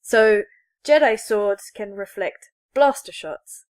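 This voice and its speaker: A woman with a mid-range voice speaks at a slow pace as a podcast co-host. She chats casually about geeky topics, rambling, giggling, and sounding enthusiastic.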